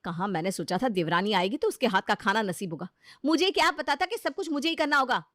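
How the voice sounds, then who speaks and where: Bossy older sister-in-law, high and scolding; a woman voices her. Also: expressive, quick pace, no room sound, studio quality. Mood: scolding, exasperated. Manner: scolding, sharp and loud. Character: bossy elder sister-in-law, irritable housewife.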